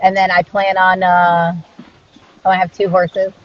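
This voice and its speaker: A woman's voice: lowish voice, completely flat delivery, normal speed, slight background noise. A woman speaking as an interviewed dog trainer in a casual conversational style, earnest and reflective in an informal way. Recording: dull, muffled lo-fi audio.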